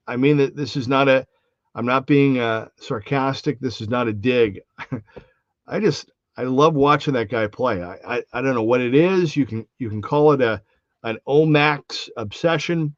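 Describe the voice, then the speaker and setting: A man's voice: medium pitch, no room sound, lo-fi sound. A man hosting a podcast, giving a casual post-game basketball recap with lots of fillers and restarts. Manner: conversational, many fillers and restarts. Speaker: podcast host.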